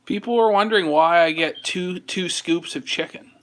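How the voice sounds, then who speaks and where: A man's voice: high-pitched, normal speed, fairly bright tone. A man co-hosting a stream, reading viewer comments aloud and joking dryly with the host. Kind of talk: casual chat.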